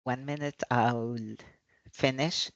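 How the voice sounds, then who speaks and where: A woman who teaches Arabic presents classroom tips in a webinar, telling stories earnestly with animated hesitations. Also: a bass voice, slow pace, dry recording, highs cut off.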